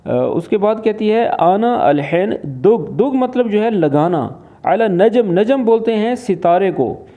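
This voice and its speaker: A man's voice: high-pitched, animated. A man from Pakistan teaching, patiently explaining and translating spoken phrases. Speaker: Arabic teacher. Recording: phone-like lo-fi voice.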